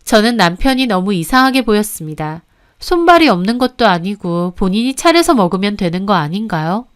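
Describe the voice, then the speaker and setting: Clear-voiced woman narrating a story. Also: mid-range voice, big pitch swings, brisk. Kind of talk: first-person story narration.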